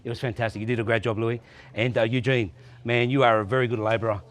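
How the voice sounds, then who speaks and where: A man's voice: medium pitch, fairly even intonation, fast. A man hosting a casual vlog, talking to friends and to the camera. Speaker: host.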